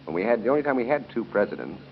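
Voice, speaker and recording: A deep-voiced American man hosts a live 1930s radio audience quiz at a club luncheon in a hotel room, talking very fast with a lively, swinging style. Genial and joking, he ad-libs banter and chuckles between questions. The old broadcast sounds muffled and noisy.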